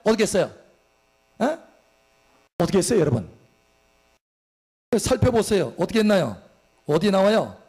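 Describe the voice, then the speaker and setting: A pastor preaching a sermon in church, emphatic and swinging from soft to loud, asking the congregation questions and answering them himself. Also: male voice, high-pitched, big pitch swings, normal speed, pauses often, husky.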